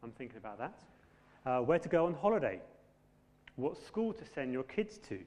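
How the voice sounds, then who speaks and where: A man preaching a sermon in a conversational, gently humorous way. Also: mid-range voice, very animated, normal speed. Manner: conversational, self-deprecating humour. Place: church. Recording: long hall reverb.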